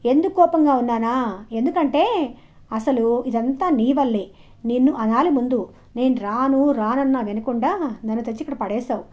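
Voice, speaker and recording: A woman storyteller voicing an angry, defiant young woman who snaps and shouts, in a dull lo-fi recording. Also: fairly high pitch, moderate pace, lightly acted. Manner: snapping, shouting. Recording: dull lo-fi audio.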